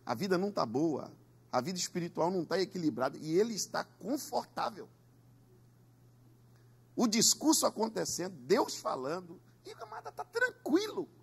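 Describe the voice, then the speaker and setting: A man's voice: sits high, big pitch swings, normal speed, creaky, husky. A man preaching a Pentecostal sermon in a church, emphatic, with call-and-response. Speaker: pastor.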